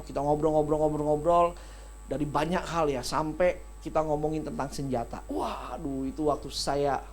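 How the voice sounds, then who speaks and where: A male pastor, preaching a lively, joking sermon at a church service and calling for amens. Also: on the high side, a little hiss or hum. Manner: animated, joking, calls for amens.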